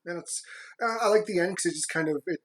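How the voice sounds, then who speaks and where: Low-voiced woman chatting on a podcast. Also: fast talker. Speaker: podcast co-host. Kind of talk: casual podcast chat.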